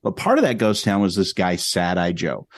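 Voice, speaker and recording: Animated man telling a story. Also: low-pitched, moderate pace, dry recording, clean studio sound. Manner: animated, rambling with restarts. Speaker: podcast guest. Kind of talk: casual storytelling.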